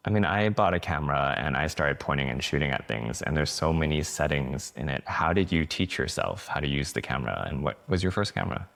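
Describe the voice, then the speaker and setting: A man's voice: rumbling low, expressive, brisk, creaky, hardly any pauses, a bit bright. A man hosting a podcast, asking loose rambling questions and laughing often. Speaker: podcast host. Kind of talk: casual interview hosting.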